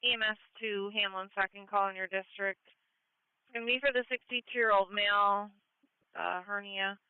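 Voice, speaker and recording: An emergency dispatcher gives out calls over scanner radio, procedural and a little halting. The voice is very clean, with a narrow, tinny sound and no room around it. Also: medium pitch, fairly even intonation, clear, resonant tone, dry recording. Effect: scanner radio transmission.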